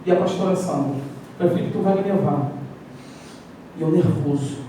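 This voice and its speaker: A male preacher with a Brazilian accent tells his sermon as lively personal stories, acting out his own doubts. His voice sits high and mellow. It carries through a heavily echoing hall, picked up from a distance over faint background noise. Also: normal speed. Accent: Brazilian Portuguese. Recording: echoey hall, mic far off.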